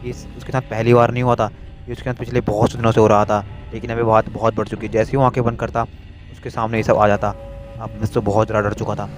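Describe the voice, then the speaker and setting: A man narrating a spooky story in a hurried, repetitive way. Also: lowish voice, level tone, faint music behind.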